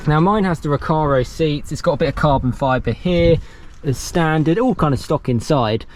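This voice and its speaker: A man's voice: fairly high pitch, moderate pace, a little hiss or hum. A young man giving a casual walkaround car review outdoors, chatty and loose, laughing between lines. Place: outdoors beside cars.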